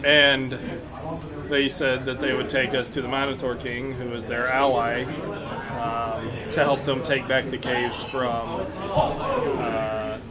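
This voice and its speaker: A male tabletop player talks slowly and casually. He pauses mid-sentence as he recaps the game. His mid-pitched voice competes with loud crowd chatter. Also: little pitch movement. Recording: noisy room with crowd chatter.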